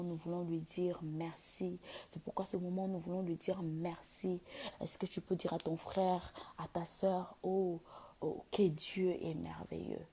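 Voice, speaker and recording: A woman in giving an informal devotional exhortation as a worship leader, speaking haltingly and slipping into English at times, with a husky, breathy voice. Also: on the low side, dark tone. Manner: hesitant French, slipping into English mid-talk. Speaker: worship leader inviting people to a praise event.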